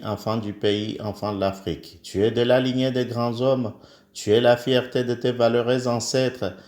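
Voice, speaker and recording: A poet from the Comoros declaims a solemn praise poem in short, emphatic phrases, with an oratorical delivery. His voice is medium-pitched and darkish, and the room has an echo.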